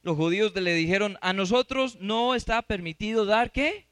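Man preaching, high voice, reads scripture, quizzes the audience, dry room. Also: fairly bright tone, no echo. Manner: reads scripture aloud, pausing to quiz the audience. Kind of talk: Bible teaching.

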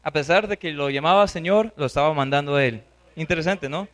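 A man preacher delivering an animated sermon, often chuckling and acting out scripture scenes. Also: a little high, fairly quick.

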